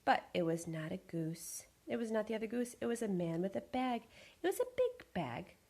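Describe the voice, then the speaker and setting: Expressive woman storyteller, husky voice. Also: mid-range voice, normal speed. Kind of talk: reading a picture book aloud.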